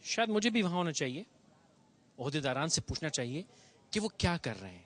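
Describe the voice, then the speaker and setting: A TV show host with a fairly high, slightly bright voice delivers a very animated monologue on location. Standing outdoors near a bomb site, he speaks earnestly and with grief, working English phrases into what he says.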